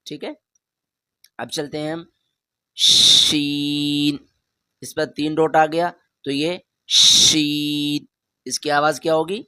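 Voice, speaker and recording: Male Quran teacher, patient and direct, drawn-out letter demos, dry close recording. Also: fairly high pitch, flat delivery, clean tone, dry recording. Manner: patient, repeats each letter loudly and drawn out; talks straight to the learner, asks them to repeat. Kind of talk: beginner Arabic letter lesson.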